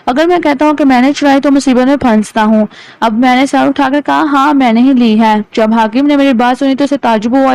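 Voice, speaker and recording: A woman from Pakistan reading a story aloud in a steady, measured way, as an audiobook narrator. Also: sits high, clear, resonant tone, no room sound, rough recording.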